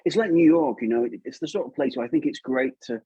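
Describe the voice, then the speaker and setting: An Englishman appears as a guest puppeteer in an interview, chatting informally in a medium-pitched, warm voice with a breathy edge and a quick pace. He often tags questions onto his remarks to seek agreement. The recording is dry and sounds dull.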